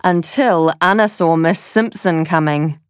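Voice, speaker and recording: Woman narrator, children's read-aloud, unhurried and deliberate, dry close mic. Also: lowish voice, clear, resonant tone, dry recording. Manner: slow, deliberate storytelling.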